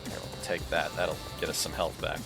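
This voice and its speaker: A man's voice: very deep voice, monotone, moderate pace, gravelly, over loud music. A man giving casual, informal gameplay commentary, reacting aloud as he plays. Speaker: gamer playing a story game.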